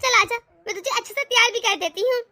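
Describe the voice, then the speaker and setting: A woman voicing a kind, agreeable young wife in an animated family cartoon, speaking soothingly to her family. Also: very high-pitched, fast talker, no room sound, exaggerated voice. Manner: warmhearted, soothing.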